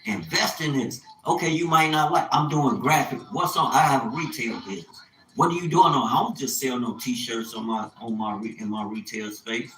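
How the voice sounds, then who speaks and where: A man in his fifties, a small business owner, chats casually on a livestream in a mid-range, fairly bright voice at normal speed. His talk is colloquial and rambling, and he often repeats phrases for emphasis. The room is echoey, with faint noise in the background.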